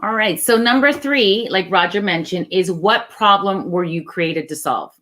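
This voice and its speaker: A woman of ordinary pitch talks through a personal memory in an earnest, conversational way. She acts out the voices of the people she quotes and stays chatty and unhurried. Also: a bit bright. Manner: earnest, acts out quoted dialogue, laughs easily. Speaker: co-host sharing her testimony. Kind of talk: conversational storytelling.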